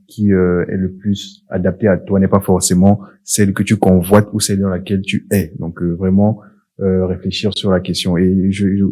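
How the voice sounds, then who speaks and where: A man with a very deep voice hosts a casual podcast. He talks in a measured, reflective way, often pausing and hesitating as he shapes his questions. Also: dark tone, low-quality recording. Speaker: podcast host.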